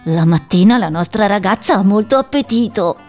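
A woman voicing a calm, friendly male mouse baker serving a customer. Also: mid-range voice, moderate pace, faint music behind, natural voice.

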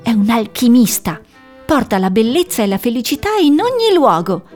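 A woman voicing a young female owl who is cheerful and caring, talking in a bright, reassuring way. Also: a little high, sing-song, moderate pace, soft background music. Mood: earnest. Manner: bright, reassuring, a little anxious underneath.

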